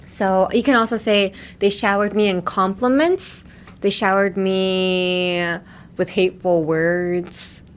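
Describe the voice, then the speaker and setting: Speaking slowly in a steady, mid-range voice, a woman teaches phrases on her casual language-lesson podcast. The conversation is chatty and rambling, full of tangents.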